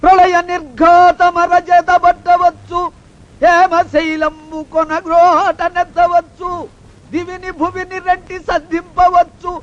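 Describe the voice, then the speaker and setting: A man's voice: extremely high pitch, little pitch movement, takes it slowly. An actor playing a pompous older father-in-law who speaks in grand, archaic, formal verse, on a dull lo-fi film soundtrack. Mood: grandly declaiming. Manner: grandiloquent, declaiming in old-fashioned formal speech.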